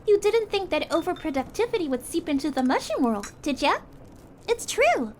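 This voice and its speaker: A woman voicing a sweet, caring young princess in a calming roleplay, speaking to a friend in a gentle, reassuring, chatty way. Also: extremely high pitch, normal speed, a little hiss or hum. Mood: playful chatty. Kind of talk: calming ASMR audio roleplay.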